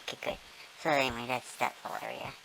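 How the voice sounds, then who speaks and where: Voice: fairly even intonation, fast, vocal fry, fairly bright tone, slight background noise, poor audio. A person talking through a voice-morphing filter that makes them sound like a small squirrel, casually rambling through a gameplay tour with many ums and self-corrections. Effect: voice-morphing filter, squeaky and small like a squirrel. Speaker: gamer giving a tour of a build.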